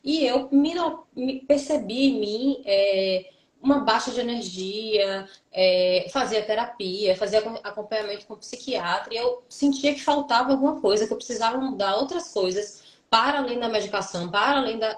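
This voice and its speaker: A woman's voice: on the high side, moderate pace. A woman psychologist from Salvador with a Bahian accent, talking earnestly and reflectively in a live stream conversation. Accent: Bahian Brazilian Portuguese. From Salvador, Bahia, Brazil. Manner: earnest, reflective, speaks in long runs with restarts. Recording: roomy echo.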